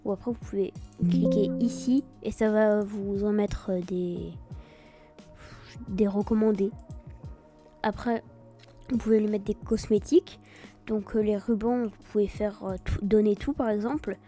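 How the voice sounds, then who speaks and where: Very dark-voiced woman, hesitant casual tutorial, English-tinged French accent. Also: medium pitch, fairly even intonation, unhurried, faint music behind. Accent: French, with an English-like accent on some words. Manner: hesitant, improvised explaining. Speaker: tutorial video host. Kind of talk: casual screen-recorded software tutorial.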